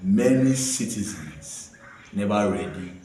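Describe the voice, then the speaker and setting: A Nigerian man with a fairly low voice talks in Nigerian Pidgin as a programme co-host. He is emphatic and repeats himself to drive points home. The sound is echoey, as if he sits some way from the microphone. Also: expressive, a little slow, dark tone, a little hiss or hum. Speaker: co-host of a citizens' rights programme. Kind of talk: impassioned civic discussion in Nigerian Pidgin. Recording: echoey room, distant from the mic.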